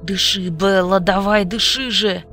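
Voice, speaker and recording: A woman's voice: lowish voice, a little fast, faint music behind, close to an everyday voice. Woman reading as an urgent, worried young man. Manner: urgent, pleading, then scolding. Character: worried young male friend, protective.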